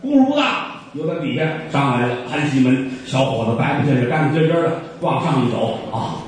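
A man performing comic storytelling with brisk, animated narration on a live stage. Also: mid-range voice. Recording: very echoey hall from far off.

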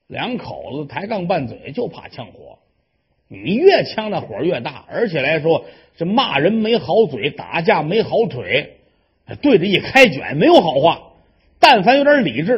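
A man telling a traditional story, animated and acting out the characters' voices, on a dull lo-fi recording. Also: fairly high pitch, breathy edge.

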